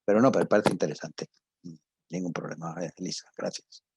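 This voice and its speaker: An older man with a Spanish accent gives an informal talk and fields questions, speaking haltingly and emphatically and often repeating himself in a husky voice. His voice is low with a darkish tone, recorded dry. He is a radio drama professor appearing as a guest speaker.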